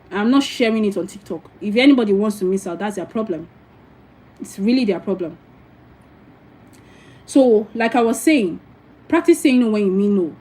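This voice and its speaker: A woman's voice: medium pitch, mellow, low-quality recording. A Nigerian woman giving frank, preachy spiritual advice in a casual livestream, with many asides to her viewers. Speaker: spiritual teacher.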